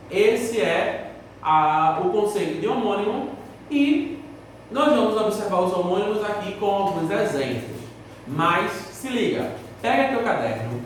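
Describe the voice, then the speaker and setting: A man's voice: high voice, slight background noise. A male teacher with a Brazilian Portuguese accent giving a recorded lesson, explaining patiently, repeating key points and checking in with his students. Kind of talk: recorded remote class lesson. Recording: echoey room, voice from a distance.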